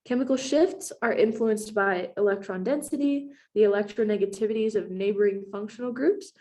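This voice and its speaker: A woman's voice: medium pitch, fairly quick, dark tone. A young adult woman who has a cold, giving a recorded class presentation as a chemistry student, explaining steadily with frequent ums.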